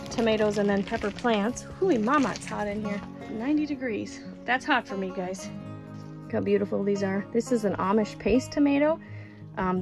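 A woman's voice: a little high, vocal fry, rough recording. A woman filming a casual garden tour on her phone outdoors, chatty and cheerful, exclaiming over her plants. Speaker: homesteading vlogger.

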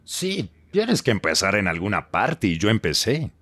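A man's voice: on the low side, wildly swooping pitch, moderate pace, a bit bright, dry recording. An older man being interviewed, telling blunt, crude stories full of quoted dialogue. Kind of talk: storytelling interview.

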